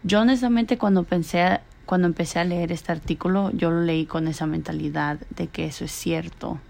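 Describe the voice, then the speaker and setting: A woman's voice: on the low side, steady tone, moderate pace, vocal fry, a little mellow. A young woman talking through her views on an article, hesitant, with many fillers and restarts. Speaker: student podcaster. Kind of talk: casual spoken reflection on an article.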